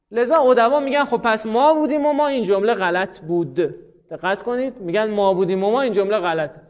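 A man's voice: sits high, highs cut off. A man giving a classroom grammar lecture, explaining step by step and putting questions to his students. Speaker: teacher of Arabic grammar.

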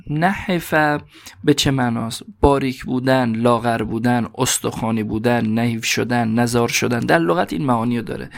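Gravelly man teaching grammar. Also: medium pitch. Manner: slow, deliberate, parsing word by word. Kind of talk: seminary-style grammar lesson.

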